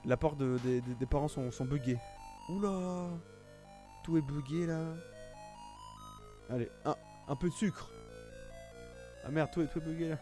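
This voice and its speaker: A man's voice: on the high side, unhurried, pauses often, dark tone. French man narrating his gameplay. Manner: reads in-game English text aloud in a heavy French accent; thinking aloud, hesitant restarts. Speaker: gamer. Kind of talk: French let's play commentary. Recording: game music clearly behind the voice.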